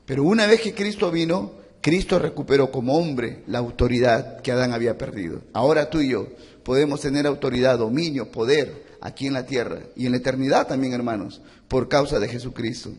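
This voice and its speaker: A man's voice: medium pitch, fairly quick, a little mellow, long reverb tail. A man preaching a sermon as a pastor, impassioned and repeating phrases for emphasis. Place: church.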